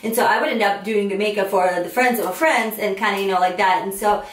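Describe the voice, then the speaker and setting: A woman's voice: medium pitch, fairly even intonation, fast talker, recorded from a distance. Ukrainian-accented woman in an echoey room. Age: 30s. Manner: chatty, many fillers and restarts. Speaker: makeup artist vlogger. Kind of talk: casual chat to camera. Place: home studio room, indoors. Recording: roomy echo, voice a bit off-mic.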